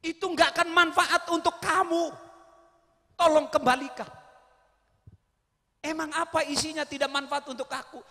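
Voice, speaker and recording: A preacher doing a wailing young scholar, pleading. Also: male voice, extremely high pitch, steady tone, moderate pace, long pauses, bright, forceful tone, big-room sound, voice pushed up, heavily acted. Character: weeping young male scholar robbed of his books.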